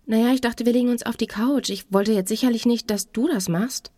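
A woman's voice: on the high side, brisk, dark tone, no room sound, clean studio sound, pitched above the performer's own voice, natural voice. A woman voicing an insecure, awkward husband who stammers and turns defensive. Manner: hesitant, stammering and a little defensive.

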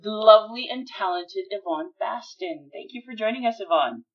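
A woman's voice: medium pitch, animated, normal speed, far from the mic, muffled recording. A woman hosting an interview, friendly and encouraging, asking short questions. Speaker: interview host, financial expert. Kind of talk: casual interview conversation.

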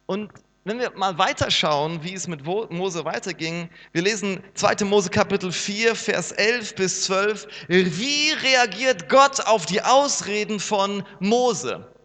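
A male pastor preaching with a high, bright and forceful voice. He talks in a lively way and now and then acts out the voices he quotes. The sound rings with long reverb in a church hall, with a mains hum underneath. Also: slow pace. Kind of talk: sermon.

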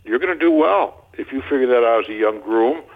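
A guest marriage counselor on the radio, an older man with a medium-pitched voice, talks a little fast. His storytelling is folksy, joking, and animated, and it comes through with the tinny quality of a phone line.

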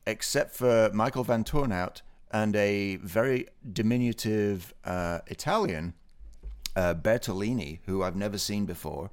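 A man co-hosting a podcast, giving a relaxed, rambling race report full of fillers. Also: fairly low pitch, a little slow, clear, resonant tone. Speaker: podcast co-host. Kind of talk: casual podcast chat.

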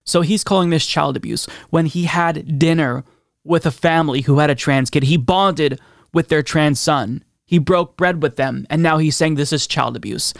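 A man's voice: a little high, moderate pace, gravelly, no echo, clean studio sound. A man hosting a political commentary show, speaking in an indignant, sarcastic way.

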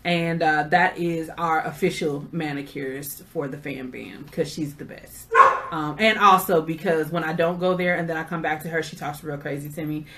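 A woman's voice: low-pitched, steady tone, normal speed, heavy background noise. A middle-aged woman hosting a casual chat, telling stories with sassy asides. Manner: chatty storyteller, sassy asides. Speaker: podcast host.

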